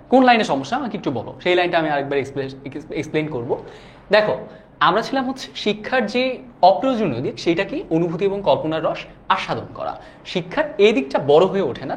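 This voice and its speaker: A young man teaching a live online class. He talks casually, reads viewer comments aloud and keeps checking whether students follow. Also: sits high. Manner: casual and chatty, often asks "do you understand?".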